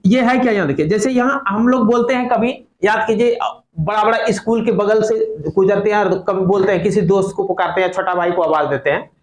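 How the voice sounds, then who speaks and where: A man teaches a physics lesson, quizzing his students and joking with them. His voice sits very high for a man. The sound is echoey, as in a classroom. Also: fairly even intonation, brisk. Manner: asks the class questions and jokes with students.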